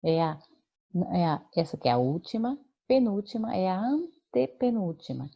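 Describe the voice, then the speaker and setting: A woman's voice: medium pitch, sing-song, normal speed, gravelly, husky. Patient Brazilian woman teacher, lo-fi. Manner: explains patiently, with many fillers and check-ins. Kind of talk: remote lesson correcting homework.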